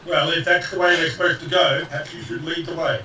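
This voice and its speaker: A man's voice: a little high, fairly even intonation, fast, bright, forceful tone, recorded from a distance. A man chatting casually as a player at a tabletop role-playing game. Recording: echoey, dull, noisy, off-mic.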